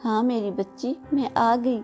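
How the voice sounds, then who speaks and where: A woman voicing a kind, motherly bulbul bird in a cartoon, with a gentle, caring manner. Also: fairly high pitch, fairly even intonation, a little slow, faint music behind, natural voice.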